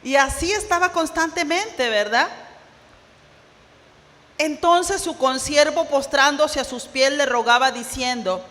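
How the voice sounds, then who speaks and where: A woman's voice: high voice, slow pace, a bit bright, big-room sound. A woman pastor preaching a sermon, retelling a parable and putting questions to her congregation. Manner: storytelling, acts out parable dialogue, rhetorical questions to congregation. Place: church sanctuary.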